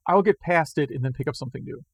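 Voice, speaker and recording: A man co-hosting a casual retro gaming podcast chat, rambling and self-deprecating, his voice going hoarse. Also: fairly high pitch, fast, no room sound. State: losing his voice. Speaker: podcast co-host.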